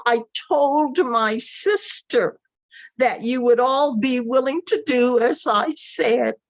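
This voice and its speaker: Woman voicing an eager, slow-spoken young brother. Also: high voice, no echo, rough recording. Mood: upset. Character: excitable, affectionate, childlike young brother.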